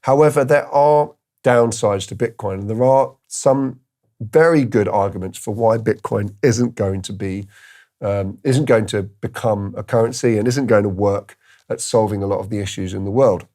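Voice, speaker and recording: Man, crypto video host, casual commentary, mellow tone, fillers and restarts. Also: on the low side, steady tone, moderate pace. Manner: thinking aloud with restarts and fillers. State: tired, yawning.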